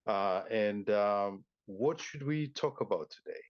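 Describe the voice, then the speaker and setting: Low-ish male host, lots of uhs, kinda muffled dry sound. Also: slow, no echo. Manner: hesitant, filler-heavy, welcoming. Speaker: podcast host. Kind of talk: interview conversation.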